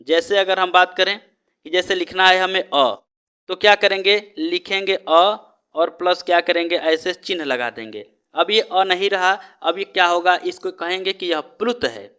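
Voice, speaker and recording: A man with a high, bright, smooth voice and a forceful tone speaks at a moderate pace while teaching an exam-prep lesson. He poses rhetorical questions and answers them himself, keeps checking in with his students, and stretches out the sounds he's teaching.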